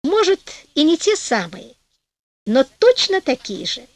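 Female storybook narrator, expressive and sing-song, dry studio sound. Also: high-pitched, a little slow, no room sound. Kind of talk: storybook reading.

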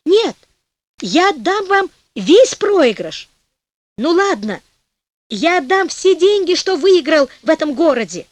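A woman voicing a sly, fawning male devil in a storybook tale, ingratiating and then shrill when he pleads. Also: big pitch swings, normal speed, no room sound. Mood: wailing.

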